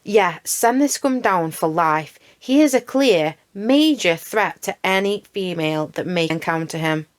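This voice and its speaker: A woman's voice: fairly low pitch, expressive, a little slow, few pauses. A woman hosting a true crime channel, recapping a case with outraged, emphatic commentary and swearing.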